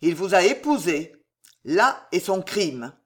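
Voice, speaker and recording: A woman voicing a cold, ruthless old nobleman who speaks in measured, unhurried tones in an audiobook reading. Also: lowish voice, sing-song, full character voice. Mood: cold menace.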